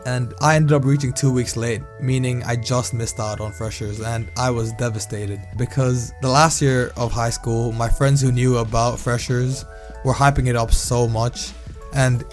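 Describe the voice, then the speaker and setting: A young man from Thailand talks in a relaxed, conversational way, telling a personal story as he plays a game. His voice sits at an ordinary middle pitch, and soft background music plays under him. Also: moderate pace. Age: young adult. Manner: relaxed, candid, conversational, reacts loudly during gameplay. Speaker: vlogger. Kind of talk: casual storytime narration over gameplay.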